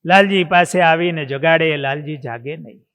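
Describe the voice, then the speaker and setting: High, bright-voiced male monk preacher. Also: normal speed. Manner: dramatic, swings in loudness. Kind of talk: devotional storytelling sermon. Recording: long hall reverb.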